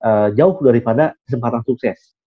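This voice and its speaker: A man's voice: medium pitch, moderate pace, husky. A man hosting an online Q&A, who poses short questions and thanks the guest. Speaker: host. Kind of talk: moderating an online Q&A. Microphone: video call. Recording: tinny phone-like call line.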